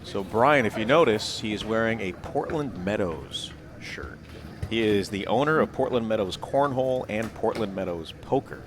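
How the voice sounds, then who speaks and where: A low-voiced American man does live sports commentary with lively swings in pitch. Clear event noise sits behind him as he calls the play. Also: moderate pace. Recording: noisy outdoor event ambience.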